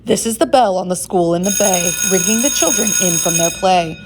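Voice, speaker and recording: A woman with a fairly low voice reads a rhyming children's book. Her delivery is measured and singsong with dramatic emphasis, and there is noticeable noise in the recording. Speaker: storybook reader for schoolchildren. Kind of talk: expressive read-aloud of rhyming picture book.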